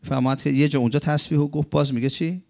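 A man teaching a sermon-style commentary on scripture, asking rhetorical questions and swinging between emphatic high phrases and low murmured ones. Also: steady tone, gravelly, a little mellow. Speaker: religious teacher.

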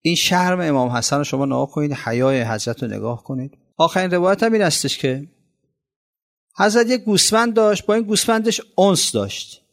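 Gravelly male preacher. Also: lively intonation. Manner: storytelling with swings between loud emphasis and quiet low asides. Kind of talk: sermon.

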